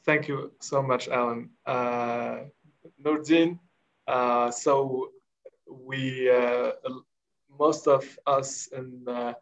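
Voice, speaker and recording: A man moderating a panel over a video call, who speaks slowly and searches for his words. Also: medium pitch, fairly even intonation. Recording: dull, lo-fi video call audio.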